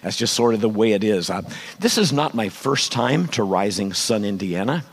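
An older man with a gravelly, hoarse voice preaches a sermon as a guest speaker, phrasing his words carefully. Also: on the low side, lively intonation, normal speed. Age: 60s or older. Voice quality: gravelly, husky. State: hoarse, voice nearly gone. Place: large church room, speaking to congregation. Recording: long hall reverb.

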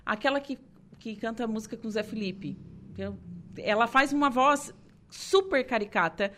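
A woman's voice: a little high, lively intonation, normal speed, a bit bright, a little hiss or hum. A woman hosting a podcast, chatting and telling a story animatedly with little quoted voices. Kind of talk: casual podcast chat.

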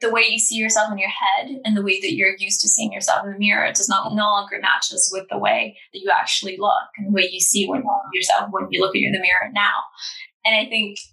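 A woman's voice: medium pitch, flat delivery, fast talker, vocal fry, bright, forceful tone, poor audio. A young woman from Estonia in casual conversation, rambling with many fillers, restarts and frequent laughter. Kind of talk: casual chat.

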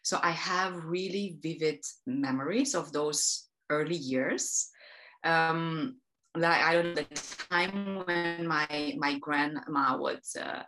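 A fairly low-voiced woman from Romania chats as a podcast guest, enthusiastic and talkative, often restarting her sentences. She speaks over a remote call mic. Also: slow pace, sharp tone, faint music behind. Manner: enthusiastic, chatty, frequent restarts. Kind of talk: conversational interview. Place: home in Amsterdam.

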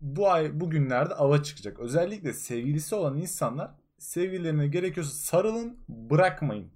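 A man's voice: on the high side, animated, normal speed, darkish tone. A young man co-hosting a casual chat show, delivering jokes in a mock-serious, announcer-like way. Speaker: podcast co-host.

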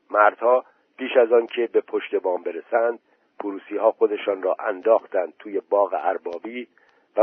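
A man narrating a story aloud in a steady, measured audiobook reading. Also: fairly low pitch, husky, no room sound. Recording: tinny phone-like recording.

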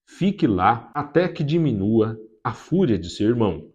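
A man's voice: mid-range voice, very animated, a little slow, darkish tone, husky, muffled recording. A man reading as an urgent protective mother.

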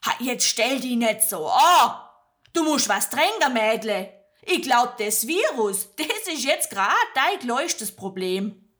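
Woman doing a brisk Swabian farm wife. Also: a little high, expressive, fairly bright tone. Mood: chatty. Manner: bossy, chatty, homely. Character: brisk kind older female farmer.

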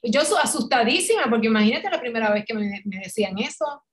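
A middle-aged woman with a Puerto Rican Spanish accent tells her story to a podcast host in relaxed conversation. Her voice sits a little high, and she is animated, acting out quoted dialogue and laughing easily. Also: quick pace, over a noisy crowd. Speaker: podcast guest. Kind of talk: casual interview conversation.

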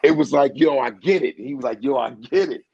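Here the guest singer's voice is medium-pitched, brisk, creaky, husky and darkish as he tells a long, easygoing story. He keeps saying "you know what I'm saying" and starting over, all captured in a dull, dry, muffled recording.

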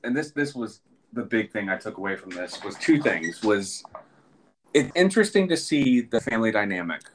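A man's voice: fairly low pitch, sing-song, moderate pace, slight background noise. A man co-hosting a podcast, chatting casually and rambling with restarts and laughs. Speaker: podcast co-host. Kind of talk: casual chat.

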